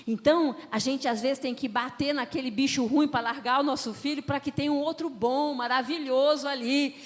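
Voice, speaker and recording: A woman preaches at a family conference. She tells her stories with lively emphasis. A long reverb from the hall trails behind her words. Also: sits high, moderate pace. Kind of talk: preaching talk with personal stories.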